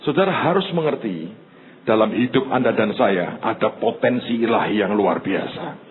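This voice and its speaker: A male pastor, preaching in an animated storytelling way, acting out the people in his stories and often turning to the congregation. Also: fairly low pitch, moderate pace. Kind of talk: sermon storytelling. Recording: tinny phone-like sound with faint noise.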